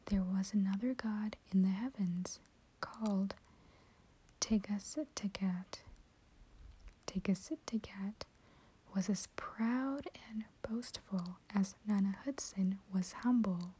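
A woman hosting her own channel, reading a short story aloud in a soft, steady whisper. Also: medium pitch, takes it slowly, slight background noise, rough recording.

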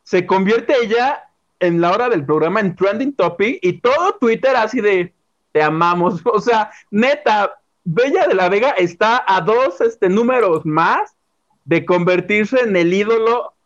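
A man with a Mexican Spanish accent co-hosts a casual entertainment show, gossiping dramatically about a TV singing competition. His high-pitched voice is expressive and measured in pace, and the recording has its highs cut off.

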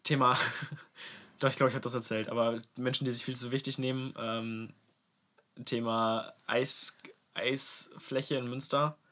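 A young man, co-hosting a casual podcast and telling a story in a lively, slangy way. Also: medium pitch, a little slow. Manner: animated, slangy storytelling, acts out quotes loudly. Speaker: podcast co-host.

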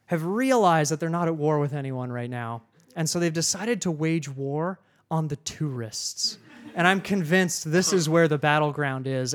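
A man hosting a podcast, telling a travel story to a live audience in an animated way, getting loud when he quotes himself. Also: fairly high pitch. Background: audience laughter.

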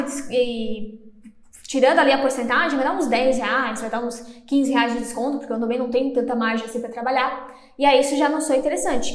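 A high-pitched young Brazilian woman talks quickly on her solo podcast, tripping over words now and then and laughing at her own slips in a self-deprecating way. Her room has a noticeable echo.

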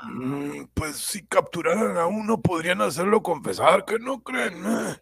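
A man's voice: high-pitched, expressive, measured pace, gravelly, fairly bright tone, breathy edge, full character voice. A man voicing a polite, inquisitive foreign agent in a radio serial, with a questioning manner. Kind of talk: radio drama acting.

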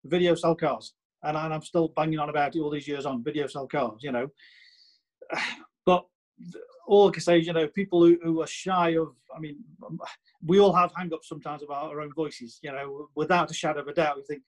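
A man's voice: fairly high pitch, fairly even intonation, a little fast, rough recording. A man with a Stoke-on-Trent accent chatting casually on a podcast, emphatic and repeating his points with plenty of "you know".

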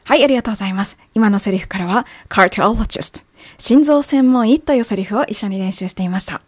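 A woman teaching English with clear, patient explanations and slow, careful example phrases; Japanese is her first language. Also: medium pitch, no room sound. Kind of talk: language lesson narration.

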